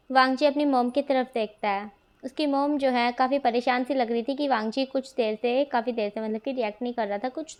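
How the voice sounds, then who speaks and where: High-voiced woman narrating a story casually. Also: darkish tone, clean tone. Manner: chatty, with frequent fillers. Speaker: fanfiction reader.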